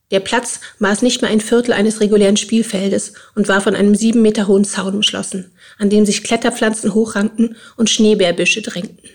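A woman narrating an audiobook with a steady storytelling delivery. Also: medium pitch. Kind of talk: audiobook reading.

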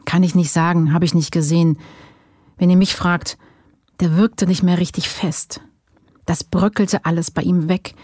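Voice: mid-range voice, fairly even intonation, normal speed, darkish tone, no room sound, clean studio sound, lightly acted. The narrator reading an exhausted male informant who gives weary, defensive answers under questioning.

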